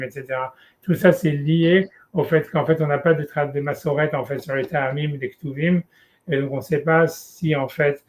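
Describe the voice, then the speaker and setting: A man teaching Torah in a relaxed one-on-one study session, talking casually with many restarts and fillers. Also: mid-range voice.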